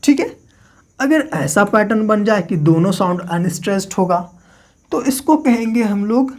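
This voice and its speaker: A man's voice: high-pitched, expressive. Man teaching, quizzing and repeating terms. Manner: asks the class questions, then answers them himself; repeats key terms slowly for dictation. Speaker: literature teacher. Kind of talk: classroom-style lecture.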